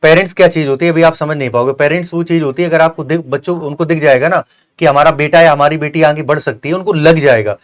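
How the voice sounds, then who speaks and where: A young man interviews a guest and drifts into long, earnest advice. His voice sits a bit high, and he repeats himself and fills pauses as he goes. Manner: earnest, repetitive, lecturing with many fillers. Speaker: host of a coaching channel. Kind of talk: interview with a successful candidate.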